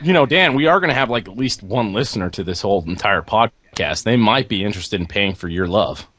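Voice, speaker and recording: A man's voice: fairly low pitch, brisk, no echo. A man co-hosting a casual podcast, cracking sarcastic jokes. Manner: sarcastic, joking, lively delivery. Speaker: podcast co-host. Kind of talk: casual chat.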